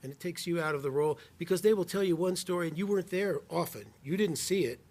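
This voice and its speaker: A man on a discussion panel giving advice on conflict, speaking deliberately and slowing down to stress key words. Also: a little high, darkish tone.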